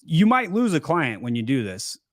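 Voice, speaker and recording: A man's voice: a little high, sing-song, normal speed, fairly bright tone, no echo, studio quality. A man hosting a live question-and-answer stream, giving blunt, joking advice in a casual chat. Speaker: host of a live seller Q&A.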